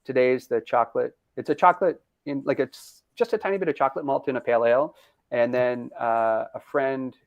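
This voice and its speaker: Gravelly-voiced man on a video call. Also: medium pitch, fairly quick, no room sound. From Canada. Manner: upbeat, rambling, laughs often. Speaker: brewery founder. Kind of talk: casual interview chat. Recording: dull lo-fi video call audio.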